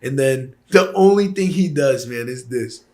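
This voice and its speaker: Animated man recounting an adventure casually. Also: medium pitch, unhurried. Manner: animated, emphatic, acts out what was said. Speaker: hiker recounting a climb. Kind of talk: casual storytelling chat.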